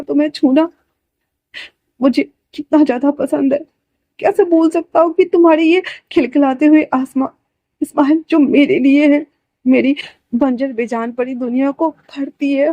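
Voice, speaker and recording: A woman's voice: high-pitched, no echo, lo-fi sound, natural voice. Woman voicing an earnest, devoted young man. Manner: earnest, heartfelt.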